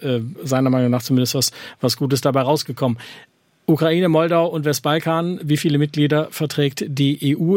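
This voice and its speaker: A man's voice: fairly high pitch, a little mellow, dry recording, clean studio sound. A man hosting a radio call-in discussion, asking probing questions with some hesitation. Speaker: radio host. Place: radio studio.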